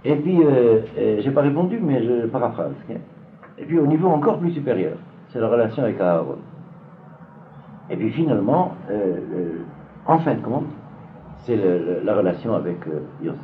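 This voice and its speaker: Man lecturing with a lively pitch. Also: normal speed. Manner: hesitant, many fillers and repeated words. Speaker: Talmud teacher. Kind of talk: seminar lecture to a class. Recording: phone-like lo-fi recording with faint noise.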